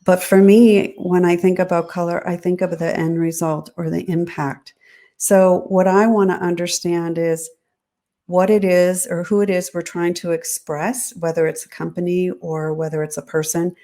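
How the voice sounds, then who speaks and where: Mellow, low-voiced woman explaining calmly. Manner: measured, thoughtful explaining. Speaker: color designer, guest. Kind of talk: interview answers.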